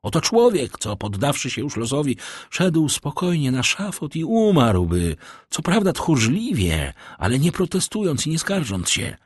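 A man voicing a cold, sardonic aristocratic count who lectures in measured, scornful tones in an audiobook. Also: fairly high pitch, very animated, breathy edge, no room sound, studio quality, voice pushed up. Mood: coldly scornful.

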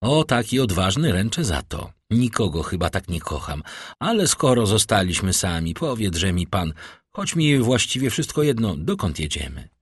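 A man reading an audiobook, voicing an eager, impulsive young nobleman with a husky voice. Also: fairly low pitch, big pitch swings, normal speed, no room sound, studio quality.

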